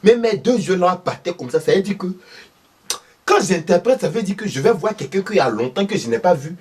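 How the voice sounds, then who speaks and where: Comedy role: a man playing a husky, fiery older Ivorian mother, high and very lively, from a distant mic. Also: fairly quick. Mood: insistent. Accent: Ivorian French. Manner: loud, insistent, exclaiming.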